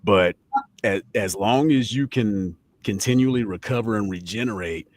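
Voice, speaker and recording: A man's voice: fairly low pitch, moderate pace, no room sound. A man in his forties hosting a podcast, chatting casually and joking, swearing loosely as he reads viewer comments. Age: 40s. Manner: friendly banter with co-host and chat. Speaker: podcast host.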